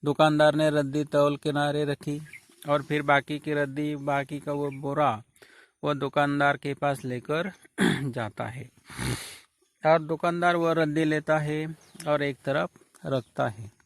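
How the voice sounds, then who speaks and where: A male teacher slowly explaining a story line by line, paraphrasing idioms and clearing his throat often. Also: a little high, flat delivery, no room sound. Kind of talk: classroom lecture explaining a story.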